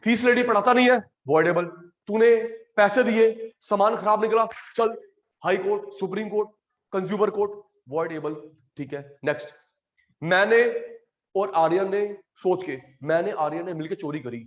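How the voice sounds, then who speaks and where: Lively Indian male teacher, high voice. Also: moderate pace, lo-fi sound. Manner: animated, teasing, mixes English terms into Hindi. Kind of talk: online class lecture.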